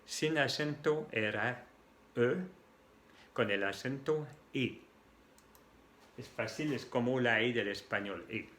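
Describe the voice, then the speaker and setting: A man's voice: medium pitch, slow pace, fairly bright tone, echoey room. A man with a French accent teaching French sounds in Spanish, spelling letters out and repeating each sound patiently. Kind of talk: slow language lesson.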